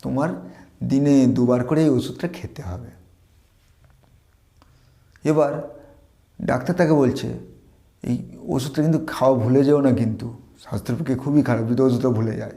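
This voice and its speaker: Man teaching pronunciation, mellow. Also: medium pitch, vocal fry. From Bengal. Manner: explains patiently, repeats words slowly and carefully. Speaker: English pronunciation tutor. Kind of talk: teaching lesson.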